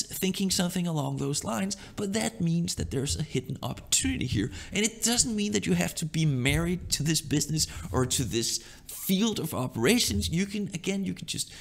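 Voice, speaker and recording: A young man from Denmark giving relaxed business advice in a loose, chatty monologue, often checking in with "right?". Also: high voice, gravelly. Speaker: online business vlogger.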